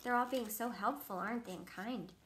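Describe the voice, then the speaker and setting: Lively woman reading a picture book. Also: on the high side, brisk. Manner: animated storybook reading with questions to the listener. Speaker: reader to a child.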